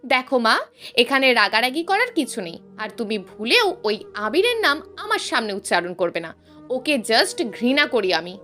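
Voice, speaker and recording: A woman's voice: on the high side, sing-song, moderate pace, faint music behind. A woman voicing a hot-tempered, quarrelsome young college girl. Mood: defiant. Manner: sharp and quarrelsome.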